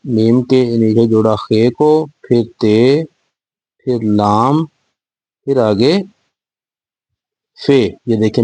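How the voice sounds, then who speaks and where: A man's voice: mid-range voice, mellow, no room sound. A man teaching young children to read and write, spelling each word letter by letter and repeating it patiently. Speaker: Urdu teacher. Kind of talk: slow spelling lesson for children.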